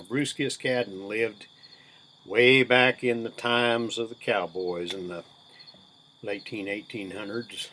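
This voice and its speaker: With crickets chirping over a steady background hum, a lowish-voiced man hosts a video, chatting to viewers in a loose, rambling way. His delivery is a slow, folksy cowboy drawl.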